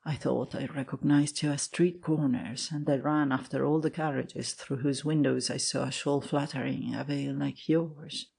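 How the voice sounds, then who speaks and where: In a literary dramatic reading, a man voices an ardent, lovesick young man, earnest and melancholy, with a husky, yearning, confessional delivery. His voice is mid-range and a little mellow, level in tone, moving at a moderate pace with hardly any pauses.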